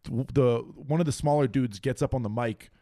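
Young man, podcast guest, fast storyteller, swearing, dry close sound. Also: medium pitch, mellow, dry recording. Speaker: guest music producer.

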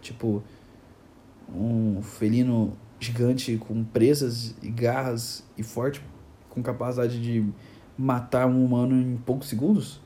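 A man's voice: mid-range voice, little pitch movement, takes it slowly, warm tone, pitched below the performer's own voice, close to an everyday voice. A man voicing a disbelieving male friend who stammers and repeats himself. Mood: incredulous. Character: baffled incredulous adult male friend.

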